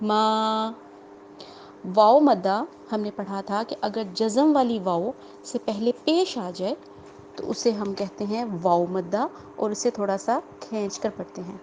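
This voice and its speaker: A woman teaching a tajweed lesson, explaining rules patiently, repeating them, quizzing her students and drawing out the example words slowly. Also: medium pitch, darkish tone, a little hiss or hum, poor audio. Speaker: Quran recitation teacher.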